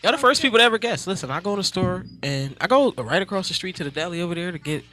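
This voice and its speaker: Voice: medium pitch, lively intonation, very fast. A guest in their thirties, telling stories in a loose, profane way during a casual studio chat. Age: 30s. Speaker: music artist guest. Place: radio studio.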